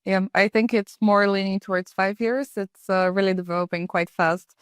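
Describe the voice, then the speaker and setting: A woman's voice: mid-range voice, steady tone, normal speed, clear, resonant tone, no room sound, clean studio sound. A woman from Bulgaria interviewing a guest in a conversational, curious way with some fillers. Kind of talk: business interview.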